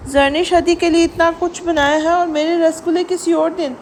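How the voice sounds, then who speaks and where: A woman's voice: very high-pitched, flat delivery, slight background noise, pitched above the performer's own voice. A woman voicing a stubborn, dramatic young wife who whines and pleads. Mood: whiny pleading. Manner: whiny and pleading.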